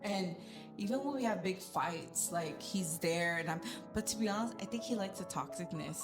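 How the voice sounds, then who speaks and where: A young woman with a slightly low voice chats casually, telling stories and acting out quotes. She sounds like she is in an echoey room. Music plays clearly underneath her. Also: normal speed. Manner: animated storytelling, acts out quotes. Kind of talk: casual chat.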